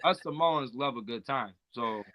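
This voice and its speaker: A man's voice: mid-range voice, moderate pace, lo-fi sound. A man from Iowa, a wrestling guest, talking in a laid-back, casual way and often repeating himself. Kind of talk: casual interview chat.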